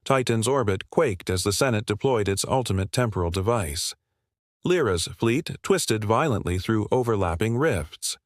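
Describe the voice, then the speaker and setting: A man narrating a scripted sci-fi war story in a steady, dramatic way. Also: lowish voice, normal speed, dry recording, clean studio sound.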